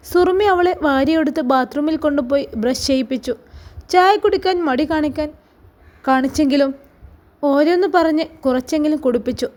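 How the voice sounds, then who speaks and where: A woman narrating a scripted story in an expressive, dramatic reading style. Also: high-pitched.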